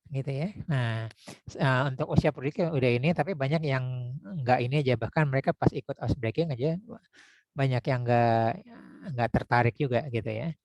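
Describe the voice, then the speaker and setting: A man's voice: moderate pace, darkish tone, no echo. Guy coaching public speaking, casual lecture, keeps tacking on little tag words, dry room sound. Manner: conversational, frequent "ya" and "gitu ya" tags; demonstrates deep and high vocal tones.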